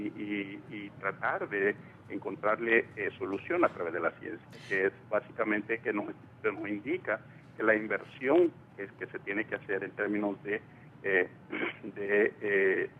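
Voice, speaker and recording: A man from El Salvador, a panel guest on a live news debate, speaking hesitantly with many fillers and restarts over a phone line. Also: fairly low pitch. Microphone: telephone. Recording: tinny phone line, faint hiss.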